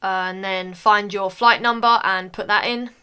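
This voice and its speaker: Narrating a casual tutorial, a young British woman goes through an online form on screen, frequently filling gaps with "uh." Her medium-pitched voice is steady, sharp, and smooth, at a moderate pace.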